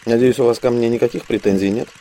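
A man's voice: medium pitch, fairly even intonation, fast, dark tone, a little hiss or hum, natural voice. A man voicing a nonchalant, mocking young male sergeant in a storybook reading, with a sly, offhand manner.

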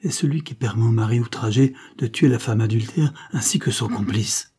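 A man reads a cornered, cowardly young nobleman from an old French novel, his dark, husky voice rising a little when the figure pleads or argues back. The lines are delivered as storybook dialogue, insistent and scheming. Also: mid-range voice, brisk, natural voice. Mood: defiant. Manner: pleading then defiant.

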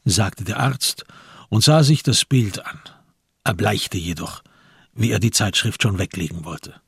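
Reading literary narration from a script for a radio crime drama, this man has a low, very husky voice with lively intonation. The recording is close and dry, and he keeps the storytelling measured.

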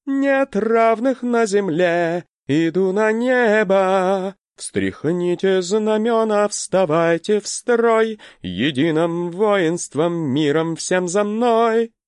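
Fox bard, boastful minstrel, chants verses high and slow with a big ringing voice; male narrator puts him on. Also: animated, clean tone, no echo, studio quality, full character voice. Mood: grand chanting. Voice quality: pleasant, chanting in a slow sing-song.

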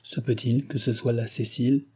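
A man's voice: mid-range voice, steady tone, moderate pace, mellow, breathy edge. A man reading the part of a tearful, compassionate old man who laments in solemn exclamations, in an audiobook. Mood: lamenting. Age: older.

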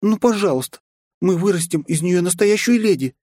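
A man voicing a bubbly, playful female vampire who gushes excitably. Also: high voice, moderate pace, dry recording, studio quality, voice pushed up. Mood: coaxing. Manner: gushing, excitable.

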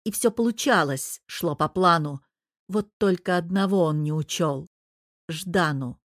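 A woman reading a novel aloud in a steady storytelling voice, pitched fairly low. She is recorded close to the mic, and the sound is dry, with no room echo. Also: unhurried. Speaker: audiobook narrator. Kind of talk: scripted narration of a romance novel.

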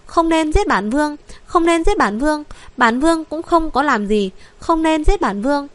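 A woman voicing an arrogant young male prince who shouts hoarsely in frantic terror, in an audiobook. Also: high-pitched, animated, moderate pace, dry recording, pitched above the performer's own voice. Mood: pleading. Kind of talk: audiobook character voice.

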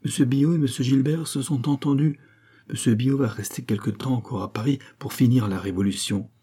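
A man's voice: mid-range voice, brisk, dark tone, breathy edge, pitched above the performer's own voice, lightly acted. A man reading an audiobook voices a proud young peasant who declaims his exploits with emphatic pride. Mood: reassuring.

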